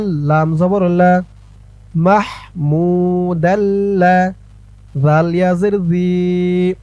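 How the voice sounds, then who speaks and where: High-voiced guy teaching arabic reading, super slow, dry dull lo-fi recording. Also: a little mellow, dry recording. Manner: slow drawn-out spelling and chanting, quick spoken asides. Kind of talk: letter-by-letter recitation lesson.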